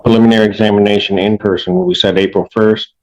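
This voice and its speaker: A man's voice: fairly low pitch, level tone, darkish tone, slight background noise, low-quality recording. A middle-aged man presiding as judge, speaking sternly and emphatically on a courtroom recording. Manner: stern, lecturing, measured and emphatic. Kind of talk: courtroom proceedings.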